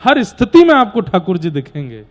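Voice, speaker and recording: A man's voice: high voice, wildly swooping pitch, brisk. A man giving a fervent devotional discourse, telling sacred stories and urging listeners to give up pride. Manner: fervent, exhorting, storytelling. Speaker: religious storyteller. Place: live religious gathering.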